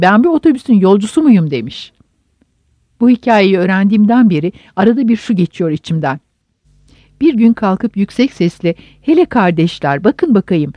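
A reader giving a measured, earnest reading of reflective prose, speaking straight to the listeners. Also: medium pitch, no echo, muffled recording. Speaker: reader of a reflective essay book.

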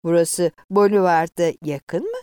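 A woman's voice: fairly low pitch, very animated, unhurried, dark tone, clear, resonant tone, no echo, studio quality. A woman voicing a frightened young wife who pleads tearfully and insists she is right. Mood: anxious.

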